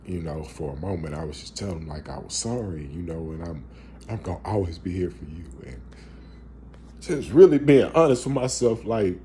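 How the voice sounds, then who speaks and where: A man telling an emotional personal story in a hushed, casual way, often dropping to near whispers. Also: a bass voice, fairly quick, a little hiss or hum. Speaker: vlogger sharing a personal story.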